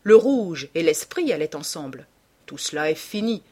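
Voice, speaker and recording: A woman reading an audiobook and voicing a witty, cynical aristocratic gentleman who speaks in dry aphorisms. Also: low-pitched, very animated, normal speed. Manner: languid, dryly witty, aphoristic.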